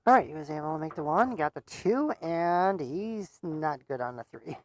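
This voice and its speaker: A man's voice: fairly high pitch, animated, a little slow, no echo. A man giving casual live commentary on a pool match. He chats, laughs often, and stumbles over repeated words.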